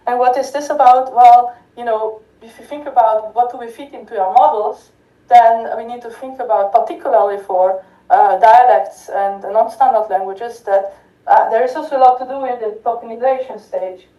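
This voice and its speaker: Heard from a distance in an echoey lecture hall on a lo-fi recording, a woman presents at an academic conference. Her voice is a little high with fairly even intonation and normal speed, and she leans on fillers, restarts and frequent "right?" check-ins.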